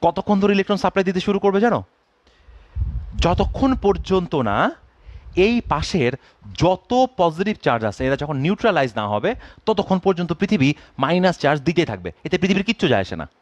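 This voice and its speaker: A man's voice: high-pitched, sing-song, normal speed, no room sound, highs cut off. A man giving a physics class, checking in with students and dropping English phrases into his explanations. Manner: asks students constant check-in questions; drawing and counting aloud at a board. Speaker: physics teacher. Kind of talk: classroom lecture.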